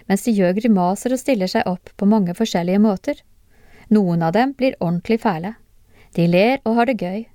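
A woman giving a calm, measured scripted narration of classroom cases for a lesson, pausing to put questions to the listener. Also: medium pitch, dry recording, clean studio sound.

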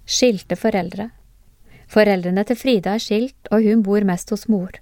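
A woman giving a calm, measured scripted narration of classroom cases for a lesson, pausing to put questions to the listener. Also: mid-range voice, no echo, clean studio sound.

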